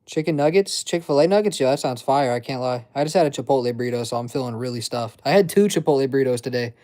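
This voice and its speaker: A livestream host in his twenties chats casually, reading chat and rambling in loose, filler-heavy slang. His voice is mid-range, fast, and slightly mellow.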